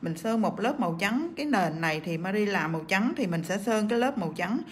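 A woman's voice: medium pitch, lively intonation, fairly quick. A woman with a cough teaching nail art on a livestream, chatting as she works and reading out viewer comments. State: sick with a cough.

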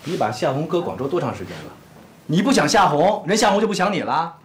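A man's voice: fairly high pitch, big pitch swings, slight background noise. A brash Beijing young man. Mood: stern. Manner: brash, needling, quick-talking. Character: bossy, teasing young man friend. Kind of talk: TV drama acting.

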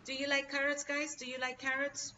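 A woman's voice: high-pitched, completely flat delivery, brisk, pushed and bright, slight background noise. Spanish-speaking woman teaching English online. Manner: encouraging, switches between Spanish and English, checks in with "ok?". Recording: dull lo-fi video call audio, distant from mic.

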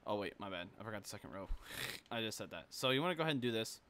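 Talking very fast and expressively in a lowish voice, a young man with a sore throat walks through a game-building tutorial. He's a gaming tutorial creator with a casual, rambling style full of fillers and restarts, and there's background noise.

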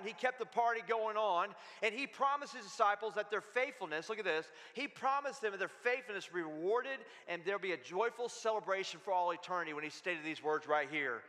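A man preaching with a high, bright, forceful voice. He drives his sermon with energy and keeps turning to the congregation for answers. The sound rings out in a church sanctuary with a long reverb. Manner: energetic, calls out to the congregation for responses. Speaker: pastor.

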